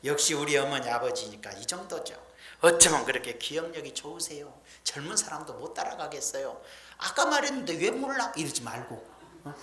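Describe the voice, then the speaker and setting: A woman's voice: low-pitched, brisk, fairly bright tone. A woman preacher giving a sermon in a folksy, emphatic storytelling manner, with blunt everyday speech. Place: church sanctuary. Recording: echoey church hall.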